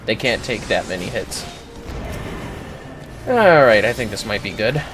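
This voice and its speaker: His lowish voice has a sing-song, slightly bright quality and an unhurried pace as he hosts a gameplay stream. With music in the background, he casually explains tactics step by step, swearing along the way.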